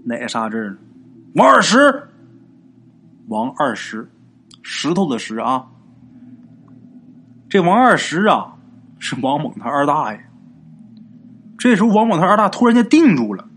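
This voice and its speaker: Man, spoken ghost story, lively swooping pitch, faint hiss behind. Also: measured pace, long pauses. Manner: colloquial, acts out characters' lines with big pitch jumps.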